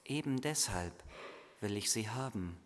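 Man doing a calm, soft-spoken child Jesus, very slow, in a reverberant hall. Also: lowish voice, slight background noise. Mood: gentle.

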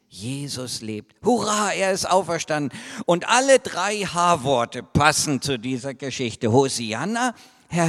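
A man tells a Bible story to children as a sermon, dramatic and unhurried. His voice sits high and leaps around, and he drops to hushed whispers between loud calls. Long reverb from a large hall hangs after each line. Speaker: preacher.

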